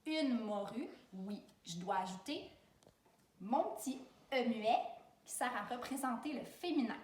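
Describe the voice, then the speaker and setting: A woman's voice: on the high side, lively intonation, unhurried, a little mellow, distant mic, slight background noise. A woman with a Québécois French accent teaching children to spell, patient and step by step, speaking straight to the child. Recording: roomy sound from away from the mic.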